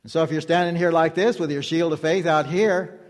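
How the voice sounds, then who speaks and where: A man's voice: on the high side, fairly even intonation, a little fast. Emphatic preacher man in echoing hall. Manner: emphatic, repetitive preaching with call-and-response. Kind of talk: sermon. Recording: long hall reverb.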